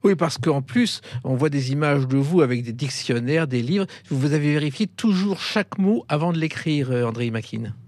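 A man interviewing a guest, asking direct, brisk questions. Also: on the high side, animated, a little mellow, no echo. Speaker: interviewer, host. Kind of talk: broadcast interview.

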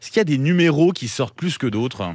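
Man hosting morning radio, talks fast, lots of ums, dry studio. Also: a little high, expressive, a little mellow, slightly rough, dry recording. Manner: quick, chatty, many fillers. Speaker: radio host.

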